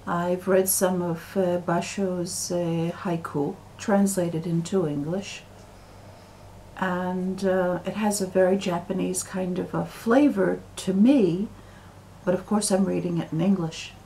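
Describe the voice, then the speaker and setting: An American woman talking to camera in a slow, deliberate monologue, full of pauses and fillers. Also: on the low side, fairly even intonation, dark tone, a little hiss or hum, low-quality recording. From United States. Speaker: video commentator.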